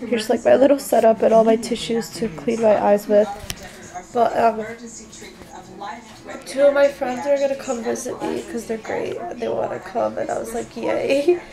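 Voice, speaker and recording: Tired, gravelly young woman after nose surgery. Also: steady tone, moderate pace, a crowd in the background, rough recording. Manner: tired, low-key, rambling. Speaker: vlogger recovering from nose surgery. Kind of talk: casual vlog update. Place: at home indoors.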